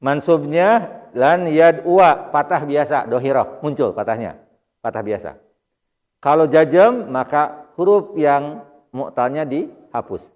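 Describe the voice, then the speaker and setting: A man with a Sundanese accent teaches Arabic grammar in a mosque, pausing often to address his listeners politely and check they follow. His voice carries a long reverb from the hall around him. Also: medium pitch, lively intonation, darkish tone, dull audio. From Indonesia. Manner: explains patiently, often addressing listeners as "Pak". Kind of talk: mosque study-circle lesson.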